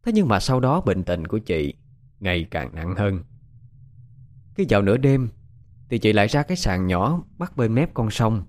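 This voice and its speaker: A man narrating a ghost story in a measured storytelling manner. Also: lowish voice, big pitch swings, a little mellow. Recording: faint background music.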